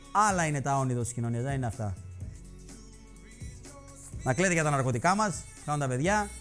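A man hosting a television show, delivering mocking, sarcastic political commentary in animated rants. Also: on the high side. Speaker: TV show host. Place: television studio.

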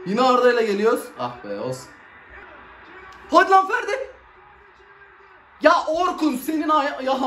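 A man giving live reaction commentary on a football match, excitable, swinging between shouting and grumbling, in casual slang. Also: very high-pitched, a little hiss or hum. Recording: echoey room.

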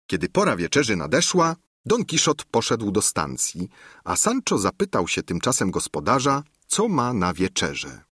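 A man reading a classic novel aloud as an expressive audiobook narrator. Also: on the low side, moderate pace, slightly rough, dry recording, studio quality. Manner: expressive, storytelling. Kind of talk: scripted narration.

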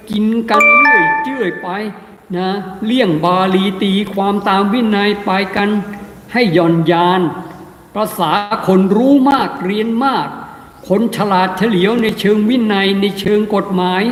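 High-voiced monk preaching in an echoey hall. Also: male voice, unhurried, background noise. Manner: emphatic and scolding, with frequent short tag particles. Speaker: Buddhist monk giving a sermon. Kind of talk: sermon. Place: Buddhist center hall.

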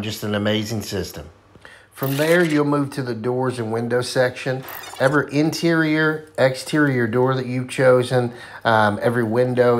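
A man narrating a walkthrough of a home factory as a dealer, enthusiastic and casual, with frequent ums and uhs. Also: medium pitch.

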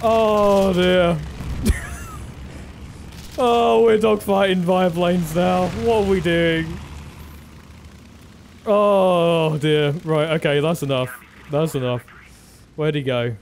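A man narrates his flight-combat gameplay in a fairly high voice, laughing often as he goes. He talks at an easy, unhurried pace. Faint background noise sits under him. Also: steady tone, a little mellow. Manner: giggly, breaks into frequent laughter. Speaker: gaming commentator. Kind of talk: gameplay commentary.

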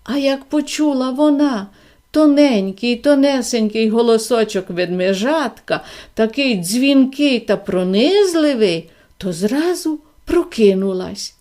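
Slow, gentle woman reading a fairy tale. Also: on the high side, lively intonation. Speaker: storyteller. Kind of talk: scripted fairy-tale narration.

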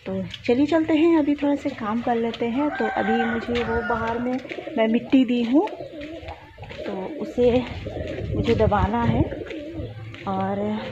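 A young woman from Jharkhand, India, vlogs her chores in a village yard, chatting into a phone held at arm's length as she walks and works. Her voice is a little high, measured, with long pauses, and she sounds tired after a day of physical labour. The phone audio is dull and lo-fi, with clear outdoor noise.

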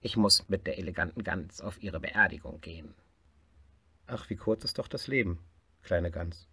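Storybook: busy male fox, mock-solemn, drawn-out, raspy edge; a man voices him. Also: deep voice, sharp tone, dry recording, heavily acted. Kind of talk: storybook reading.

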